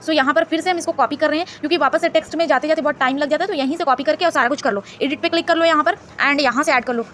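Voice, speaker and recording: A woman's voice: high-pitched, rapid-fire, fairly bright tone, slight background noise. A woman hosting a screen-recorded design tutorial, chatty and instructive, mixing English words into her Hindi.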